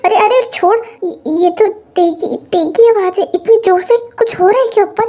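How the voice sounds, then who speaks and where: A woman's voice: very high-pitched, fairly even intonation, normal speed, mellow. Woman acting as a fretful nervous young woman. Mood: worried. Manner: fretful, hesitant. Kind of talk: fan audio story acting.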